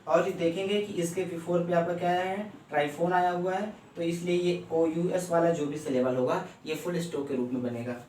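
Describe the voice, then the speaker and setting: A man teaching a shorthand lesson step by step, often stopping to ask if it is clear. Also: on the high side, fairly even intonation, normal speed, few pauses, darkish tone, slight background noise. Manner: explains step by step, keeps checking "clear?". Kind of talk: classroom lecture. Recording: echoey room, mic far off.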